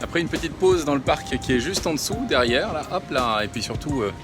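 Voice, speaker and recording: A man from France vlogs casually to the camera, in a fairly high voice. He addresses his viewers as he narrates the family trip, with loud music running behind him. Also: lively intonation, a little fast. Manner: vlogger presenting, addressing viewers. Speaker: family travel vlogger.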